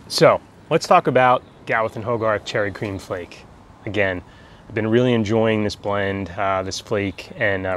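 An American man in his forties chatting casually outdoors in an easygoing, halting way, like a reviewer talking to camera. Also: low voice. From United States. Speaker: pipe tobacco reviewer. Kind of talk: casual video chat. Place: outdoors in a backyard garden. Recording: outdoor ambient background noise.

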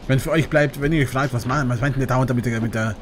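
A man doing let's play commentary on a game, excitable, yelping when startled and chatting to his viewers in between. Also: mid-range voice, quick pace, noisy background. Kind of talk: gaming commentary.

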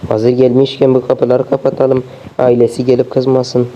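A man's voice: mid-range voice, completely flat delivery, normal speed, dark tone, slight background noise. A young man commentating a game as he plays, swearing constantly and sounding exasperated. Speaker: gameplay streamer. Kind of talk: let's play commentary. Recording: dull lo-fi sound.

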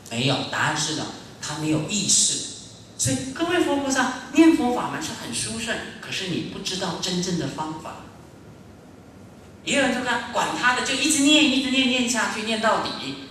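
A male Buddhist monastic giving a Dharma lecture to a live audience, lively and demonstrative, acting out his examples. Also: high voice. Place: large echoey lecture hall. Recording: very echoey hall, distant, faint noise.

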